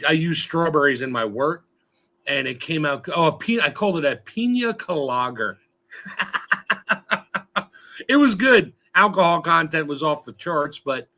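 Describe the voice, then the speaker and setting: Joking man with a bright voice. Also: medium pitch. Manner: joking, rambling storyteller. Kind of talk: casual chat.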